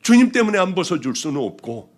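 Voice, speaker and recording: This fast-talking man from South Korea has a high voice and delivers a sermon built on his personal testimony. His quoted lines are performed with gusto, sometimes shouted, sometimes whispered.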